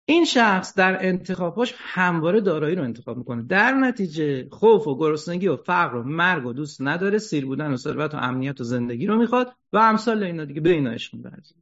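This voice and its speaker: A man giving an ethics lecture, animated, asking rhetorical questions and joking wryly. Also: a little high. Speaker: religious lecturer. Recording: dull lo-fi recording.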